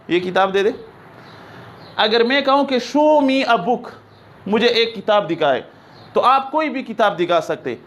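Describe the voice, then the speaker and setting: A man teaching an English class, explaining slowly, repeating examples and checking that students follow. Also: high voice, a bit bright. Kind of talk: classroom lecture.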